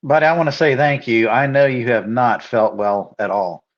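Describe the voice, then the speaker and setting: A man's voice: medium pitch, moderate pace. A man co-hosting a casual live sports chat, speaking in an earnest, encouraging way. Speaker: co-host. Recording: dull, muffled lo-fi audio.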